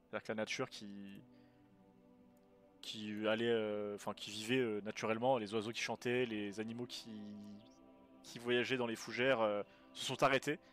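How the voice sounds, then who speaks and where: A man's voice: lowish voice, fairly even intonation, normal speed, fairly bright tone. Man narrating as game master over music. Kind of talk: improvised tabletop game narration. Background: background music.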